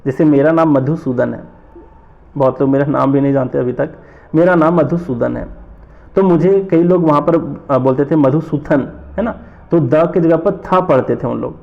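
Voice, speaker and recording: A man from North India teaching an exam-prep lesson, explaining slowly, repeating terms and asking rhetorical questions. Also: on the high side, vocal fry, phone-quality sound.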